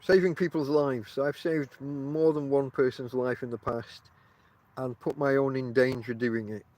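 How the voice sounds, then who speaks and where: A middle-aged man with no teeth, lips folding over his gums as he talks, hosts a casual, rambling podcast of self-deprecating, wry banter. His medium-pitched voice stays steady, unhurried, and a little mellow.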